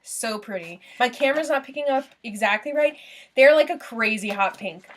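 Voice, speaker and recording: A young woman in a casual book review vlog, chatty and animated, laughing now and then as she talks into her camera. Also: a little high, moderate pace.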